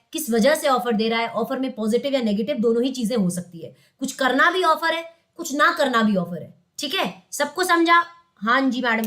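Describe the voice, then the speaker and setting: Young Indian woman, law tutor, high voice, chatty and coaxing with her students. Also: fairly bright tone. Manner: mixes English terms into Hindi, quizzes students. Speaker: law teacher. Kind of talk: online class lecture.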